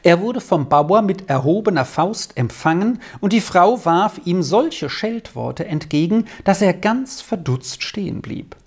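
A reader narrating a German storybook in an expressive, melodic storytelling manner. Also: mid-range voice, a little slow, few pauses. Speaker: audiobook reader.

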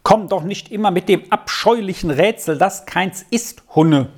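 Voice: mid-range voice, sing-song, unhurried, vocal fry, darkish tone, pitched above the performer's own voice, exaggerated voice. A reader voicing an earnest, somewhat proud boy in a storybook reading, who reproves his little brother indignantly.

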